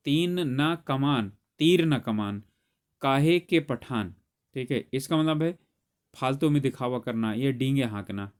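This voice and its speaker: A man's voice: a little high, a little mellow. Man talking through an exam paper. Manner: explains step by step, corrects himself mid-sentence. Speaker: exam coaching teacher. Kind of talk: solving an exam paper aloud.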